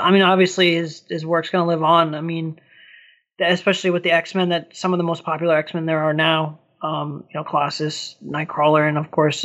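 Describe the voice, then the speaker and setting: High-pitched dude gushing on a podcast, rambly, swears a lot. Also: male voice, fairly bright tone, lo-fi sound. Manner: enthusiastic, rambling, swears casually. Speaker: podcast co-host. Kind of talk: casual chat.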